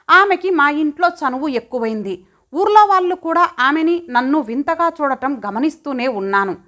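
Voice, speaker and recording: Woman narrator, high-pitched, steady, measured, scripted story reading. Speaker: audiobook narrator.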